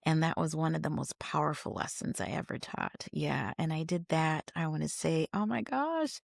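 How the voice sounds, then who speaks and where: A middle-aged woman who works as an educator speaks in a low, creaky voice at a moderate pace, recorded in studio quality with no echo. As an interview guest she chats casually, telling animated stories full of fillers and laughter.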